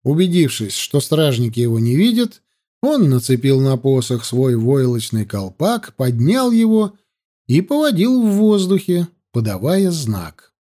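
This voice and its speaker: Expressive male audiobook narrator. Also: mid-range voice, a little slow. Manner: expressive storytelling. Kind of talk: scripted narration.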